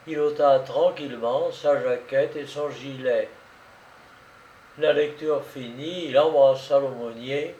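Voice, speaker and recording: A man narrating a classic story in a measured, dramatic reading style. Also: medium pitch, a little mellow. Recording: roomy, distant mic, faint noise.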